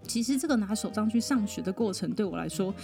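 Lively woman telling a story. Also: mid-range voice, fast talker, vocal fry, soft background music. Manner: lively storyteller, laughs often, mimics other people. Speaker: podcast guest, psychologist. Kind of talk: personal storytelling in a podcast interview.

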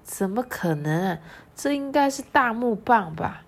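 A woman's voice: fairly high pitch, expressive, measured pace, vocal fry, voice pushed up, full character voice. A woman voicing a flustered dinosaur father in a storybook, fussing and eager to please. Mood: flattering.

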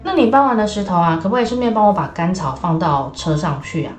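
A woman's voice: fairly low pitch, fast talker, natural voice. A woman voicing a stingy, selfish female donkey in a children's storybook, talking in a demanding, scolding way. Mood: wheedling. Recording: echoey room with faint music.

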